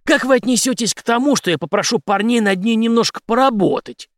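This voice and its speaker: A man's voice: high voice, animated, a little fast, no room sound, clean studio sound, pitched above the performer's own voice. A man voicing a confident, mocking male special-forces commander who speaks in a cool, menacing way. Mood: coolly menacing.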